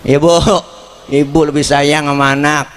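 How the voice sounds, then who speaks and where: A man's voice: on the high side, moderate pace, clear, resonant tone. A man giving a joking sermon, talking straight to the crowd. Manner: joking, lively, addresses the crowd directly. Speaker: preacher. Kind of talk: comedic sermon.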